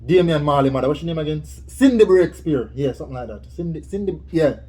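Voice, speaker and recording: Jamaican man, lively swinging intonation, fairly high voice, playful quiz banter, teasing host, faint chatter and noise behind. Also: quick pace, breathy edge. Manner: animated teasing, speaks to viewers. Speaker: challenge video host.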